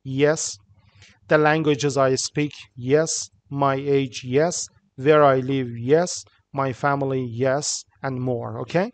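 Each English line gets a slow, clear reading from this Persian-accented teacher, followed by a quick translation sprinkled with small fillers. It's an English writing lesson, and his voice is a little high.

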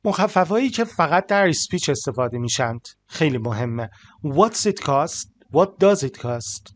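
A male English teacher with a slightly high voice. He rattles through his explanations and slows right down for each example sentence, saying it clearly for learners to repeat. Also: animated, no echo. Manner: rapid explanations, slow careful example sentences.

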